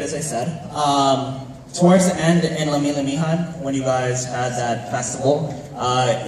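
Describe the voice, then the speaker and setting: A man judging a dance competition, giving live feedback full of fillers and effusive praise. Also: mid-range voice. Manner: hesitant with many fillers, warmly effusive praise. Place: large hall at a live competition. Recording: echoey hall from far off.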